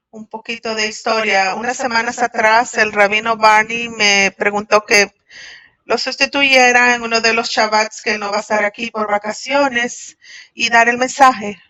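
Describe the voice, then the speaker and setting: Bright-voiced woman giving a translated sermon. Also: fairly high pitch, steady tone. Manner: halting, with restarts and fillers. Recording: dull lo-fi audio.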